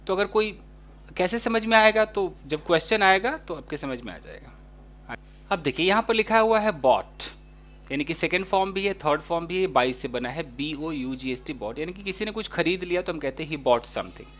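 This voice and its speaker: A man with an Indian accent teaches English words to learners, his voice sitting a little high for a man. He explains in a casual, chatty way and slows right down whenever he reads out an English example sentence. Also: lively intonation, fairly bright tone. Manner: explains with many examples and repeats English phrases slowly.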